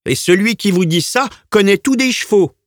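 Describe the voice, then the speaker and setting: A man's voice: high-pitched, lively intonation, normal speed, no echo, clean studio sound, voice pushed up. A man voicing a cheerful coachman who jokes and teases as he talks. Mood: jovial. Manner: jovial and teasing. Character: cheerful, joking adult male coachman.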